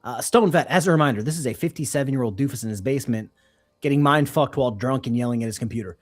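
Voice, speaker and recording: A man's voice: medium pitch, quick pace. A man streaming a reaction to a clip, mocking and swearing freely in casual commentary.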